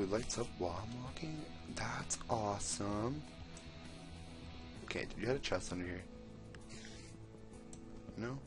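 A young man giving casual, excitable commentary while he plays, exclaiming often and talking to the characters on screen. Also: lowish voice. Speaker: gameplay commentator.

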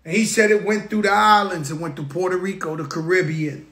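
A middle-aged man telling an excited story at a public event, repeating phrases for emphasis. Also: high-pitched, brisk. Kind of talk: animated storytelling. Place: outdoor construction site event. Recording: echoey, reverberant sound.

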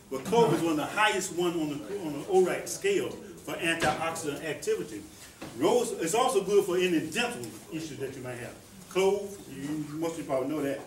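A man's voice: on the high side, a bit bright. A man giving an informal talk on herbs to a small audience, folksy and repetitive, often asking the listeners questions. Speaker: presenter teaching about herbs. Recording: echoey room, voice heard from a distance.

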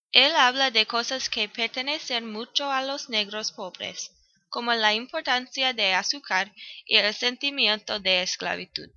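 A woman's voice: on the high side, bright, forceful tone. A woman student reading a prepared poem analysis aloud, evenly, with some grammar slips. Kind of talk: read-aloud school presentation. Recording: dull, dry lo-fi recording.

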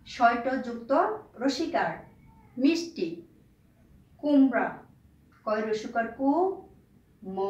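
Slow, patient woman teacher spelling aloud. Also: fairly high pitch, roomy sound, distant mic, low-quality recording. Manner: slow, spells each word letter by letter and repeats it; patient, checks if pupils have written. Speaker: primary school teacher. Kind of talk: recorded classroom lesson.

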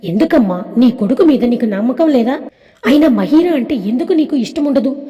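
Brief: woman voicing a stern, teasing young man, warm dark tone, reverb. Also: high-pitched, lively intonation, brisk, dull audio. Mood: stern scolding. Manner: scolding, blunt. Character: young man, blunt and teasing best friend. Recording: echoey reverb.

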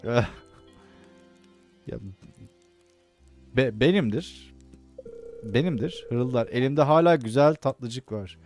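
A man's voice: medium pitch, slow pace, long pauses, darkish tone. Male streamer, casual let's-play chatter, reads game text aloud, faint game music underneath. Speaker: gameplay streamer.

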